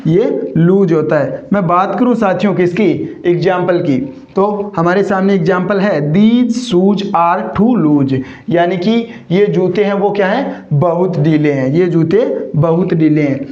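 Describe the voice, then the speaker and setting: High-voiced male teacher, echoey room. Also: darkish tone. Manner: asks the class rhetorical questions constantly, addressing them as companions; stretches out spelled words and examples slowly. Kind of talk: classroom vocabulary lesson. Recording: roomy, slightly dull sound.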